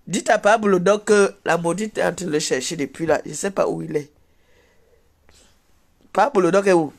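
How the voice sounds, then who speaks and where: A high-voiced, slow-talking old woman, put on by a man, who groans about her aching bones and grumbles the same complaints again and again. She is quick to take offence, dwelling on how annoyed she is. A live comedy character bit. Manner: groaning, sighing, repetitive grumbling. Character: grumpy achy old woman, easily annoyed.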